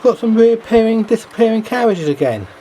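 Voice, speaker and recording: A man's voice: sits high, lively intonation, a little fast, dark tone, a little hiss or hum, voice pushed up, low-quality recording. A man voicing a spooked railway watcher, eerie and mock-amazed, in a hobby video. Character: spooked railway watcher marvelling at ghostly happenings.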